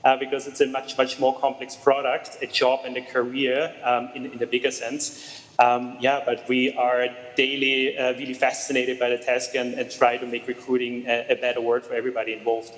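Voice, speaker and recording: An Austrian startup co-founder answers interview questions over a video call in a medium-pitched, monotone voice at a moderate pace. His tone is fairly bright but the audio is poor, with a big-room sound. He comes across as hesitant, often using fillers and restarting sentences.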